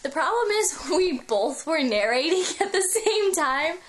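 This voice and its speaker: High-voiced young woman chatting and giggling at home, camera mic, bit of hiss. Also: sing-song, measured pace, a bit bright. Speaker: video blogger. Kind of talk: casual late-night home video chat. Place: at home, indoors. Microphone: handheld camera mic.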